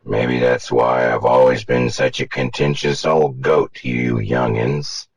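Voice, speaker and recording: A man voicing a gruff, grandfatherly old male steam locomotive in an audio story, speaking in a slow, weighty, rueful way with a booming, gravelly voice. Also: steady tone, dry recording, exaggerated voice, rough recording. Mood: somber. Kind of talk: audiobook character voice.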